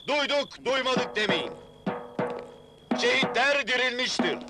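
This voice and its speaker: A man playing a town crier in a period drama, proclaiming news to the townsfolk in repeated public calls. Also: very high-pitched.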